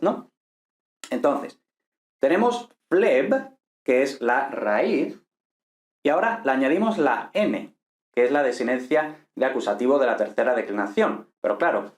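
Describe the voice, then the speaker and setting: A man teaching a grammar lesson patiently, thinking aloud and checking in with listeners as he goes. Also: medium pitch. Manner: patient, thinks aloud with fillers and tag questions. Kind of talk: explaining Greek grammar. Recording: echoey room.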